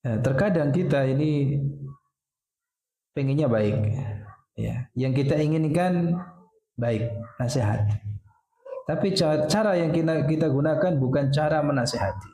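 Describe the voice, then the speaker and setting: A man's voice: fairly high pitch, measured pace, pauses often, warm tone. A man preaching at a mosque study session, who poses questions and answers them himself, with frequent "ya". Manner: explains by asking and answering his own questions, frequent "ya". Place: mosque hall. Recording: echoey mosque hall.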